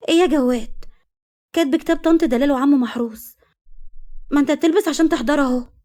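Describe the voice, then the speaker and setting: A woman with an Egyptian accent voicing a defiant, desperate young wife in a read-aloud story, loud and pleading. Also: sits high, quick pace, voice pushed up, close to an everyday voice. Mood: feigned innocence. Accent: Egyptian Arabic. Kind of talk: storybook reading.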